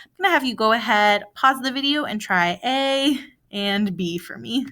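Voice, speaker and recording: A woman's voice: on the high side, normal speed, fairly bright tone. A woman, possibly a young adult, teaching a recorded math lesson, patiently walking through a problem by asking and answering her own questions.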